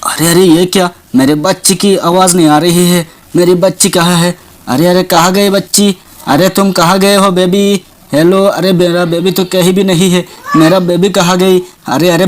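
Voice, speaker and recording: Man doing a high, menacing village witch for a doll story; frantic, repetitive, threatening. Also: little pitch movement, moderate pace, lightly acted. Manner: frantic, repeated exclamations and threats. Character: menacing female village witch hunting her baby.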